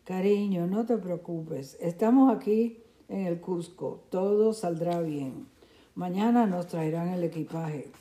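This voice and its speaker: A woman voicing a calm, cheerful middle-aged mother who speaks soothingly, in a storybook reading. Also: on the low side, slow. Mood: reassuring. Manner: soothing, reassuring.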